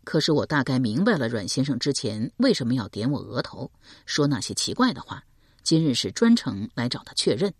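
A woman's voice: very deep voice, sing-song, brisk, slightly rough, no room sound, studio quality, pitched below the performer's own voice, exaggerated voice. A woman reading the part of an earnest male general, who presses politely with his questions.

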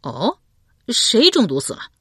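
A brash, mocking male scholar who loves his wine, voiced boldly in an audiobook by a woman reading all the parts. He speaks up louder than the narration, with a husky, lively delivery. The recording is close and dry. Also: mid-range voice, unhurried, dry recording, voice pushed up, heavily acted. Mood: teasing. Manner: teasing, loud and laughing.

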